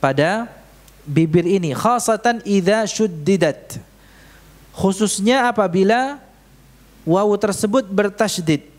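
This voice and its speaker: Man, Indonesian accent, Quran recitation teacher, slow unhurried delivery, mosque lesson. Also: sits high, expressive. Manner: questions the audience often, demonstrates Arabic sounds slowly. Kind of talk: tajwid lesson with live recitation examples. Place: mosque prayer hall.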